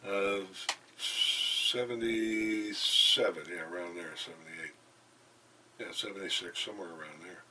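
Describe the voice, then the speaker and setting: A man's voice: low voice, steady tone, unhurried, sharp tone. An older man being interviewed, telling rambling anecdotes with enthusiasm and plenty of fillers, in a hotel room. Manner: enthusiastic, meandering, many fillers. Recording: distant mic, faint background noise.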